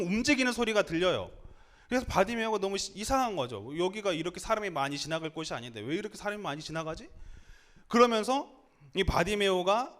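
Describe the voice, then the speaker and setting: Male preacher, high-pitched, animated, sermon with rhetorical questions.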